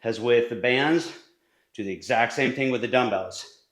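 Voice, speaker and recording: A man coaching a leg workout in his own home gym, talking casually as he demonstrates each move. He sits at an ordinary middle pitch and sometimes drifts away from the camera mic. The room around him is bare and echoey. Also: moderate pace, fairly bright tone. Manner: casual, coaching while exercising, sometimes short of breath. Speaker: fitness coach. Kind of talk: workout instruction.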